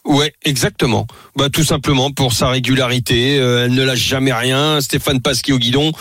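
A man giving horse-racing tips on a live radio panel, halting and repeating words as he thinks aloud. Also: mid-range voice, fairly even intonation, fairly bright tone, no room sound, studio quality. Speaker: racing pundit. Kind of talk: tipster chat on live radio. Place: radio studio.

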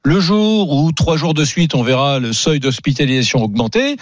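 A man's voice: a little high, expressive, moderate pace, no echo. A man co-hosting a radio talk show, arguing his side bluntly into a studio microphone. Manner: blunt, argumentative. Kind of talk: radio debate.

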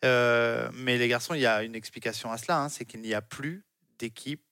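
A man's voice: mid-range voice, moderate pace, sharp tone, clear, resonant tone, dry recording, clean studio sound. A man in his forties from France, speaking as a cycling pundit on sports radio, emphatic and repeating his words.

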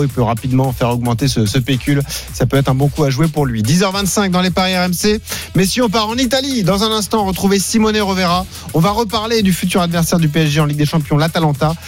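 A man hosting a radio sports betting show, brisk and jokey with his panel. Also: on the high side.

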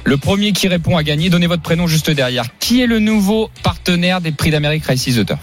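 A man hosts a live radio talk show, joking with his co-hosts and often restarting his sentences. His voice runs a bit high, and faint music sits under the studio sound. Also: animated, brisk.

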